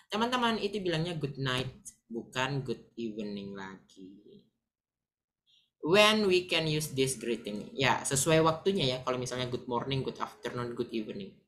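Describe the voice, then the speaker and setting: A woman giving a casual online English lesson, chatting to viewers as friends and explaining slowly with examples. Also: rumbling low, fairly bright tone. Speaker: English teacher.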